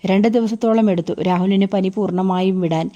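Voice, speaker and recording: A woman narrating a novel as an audiobook, telling the story in a steady, even way. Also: mid-range voice, normal speed, highs cut off.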